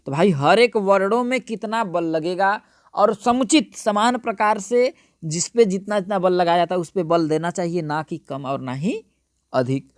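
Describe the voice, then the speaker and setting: A man's voice: sits high, no room sound, clean studio sound. A male teacher giving an exam-prep lesson, repeating each point and calling his listeners friends.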